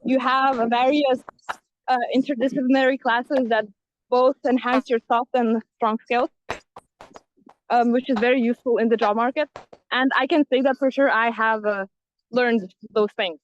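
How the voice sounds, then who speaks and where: A woman's voice: on the high side, steady tone, moderate pace, a little hiss or hum. A young woman from Lithuania, a student ambassador, giving a hesitant, apologetic testimony over a phone video call. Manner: hesitant, apologetic, many fillers. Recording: dull lo-fi call audio.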